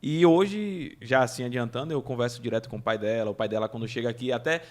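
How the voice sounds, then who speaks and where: A man as a podcast guest, telling lively anecdotes in casual chat and laughing through the funny parts. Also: mid-range voice, fast. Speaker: podcast guest, event producer.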